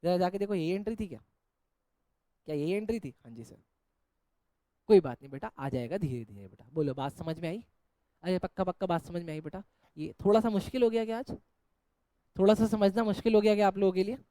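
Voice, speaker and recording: A man's voice: high voice, brisk, pauses often, warm tone, no room sound. A man teaching an accounts class, jokingly scolding and teasing his students while he explains. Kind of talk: Hindi-English accounts lecture.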